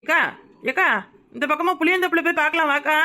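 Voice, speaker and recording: A woman's voice: very high voice, fairly even intonation, fast, pushed and bright. Coaxing young village woman. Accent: Kanyakumari Tamil. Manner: coaxing, reassuring.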